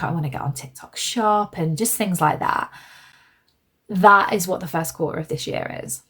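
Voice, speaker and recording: A young woman talks on her own podcast in a casual, chatty way. Her voice sits a little low, and she speaks with earnest conviction, mixing in small laughs and firm self-affirmations. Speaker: podcast host. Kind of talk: casual solo podcast talk.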